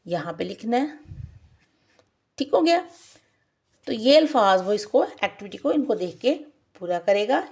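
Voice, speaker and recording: A woman's voice: on the high side, a little mellow. A woman with a Pakistani Urdu accent, walking through a children's worksheet as a teacher, patiently spelling letters aloud and often checking in with "okay". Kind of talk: worksheet walkthrough lesson.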